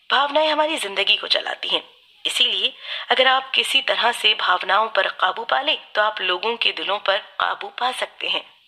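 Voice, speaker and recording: A woman giving a scripted book-summary narration in a clear, steady, explanatory way. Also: medium pitch.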